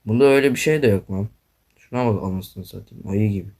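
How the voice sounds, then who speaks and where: A young man commenting on his own gameplay, groaning, swearing and complaining loudly as he plays. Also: fairly low pitch, fast talker. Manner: frustrated, swearing, groaning, yelping. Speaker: gaming YouTuber.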